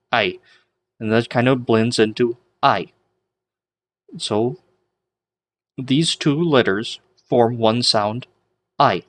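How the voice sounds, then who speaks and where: A man teaching a recorded lesson, drawing out vowel sounds slowly with self-deprecating asides. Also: mid-range voice. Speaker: Greek teacher.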